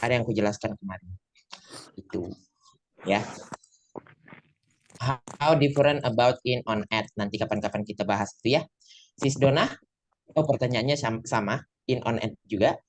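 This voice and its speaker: A man's voice: on the low side, moderate pace, pauses often, a little hiss or hum. A man teaching an online English class over a video call, chatty and mixing English phrases into his explanations. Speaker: English tutor. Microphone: computer mic on a video call.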